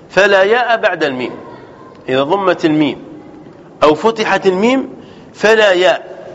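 A sheikh teaching a grammar lesson, explaining slowly and deliberately, repeating points and correcting himself as he goes. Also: high-pitched, a bit bright. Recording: dull lo-fi recording with faint background noise.

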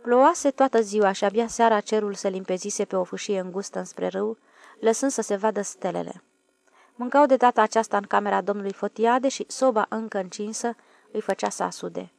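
A woman narrating an audiobook in a steady, measured storytelling manner. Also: medium pitch, vocal fry, no room sound.

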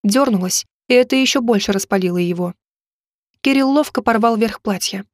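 A woman reading a romance novel aloud in expressive first-person narration. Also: fairly high pitch, a little fast, no echo, clean studio sound. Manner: expressive storytelling delivery. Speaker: audiobook narrator.

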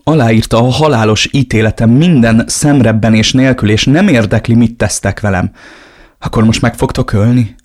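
A man's voice: mid-range voice, a little mellow, no room sound, studio quality, natural voice. A man voicing a frightened, betrayed young woman in an audiobook, pleading and distraught. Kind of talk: audiobook reading.

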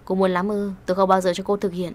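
A woman's voice: medium pitch, little pitch movement, quick pace, a little mellow, natural voice. A woman voicing a cold, jealous young female schemer in an audio story, speaking in a smug, cold way. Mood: scheming.

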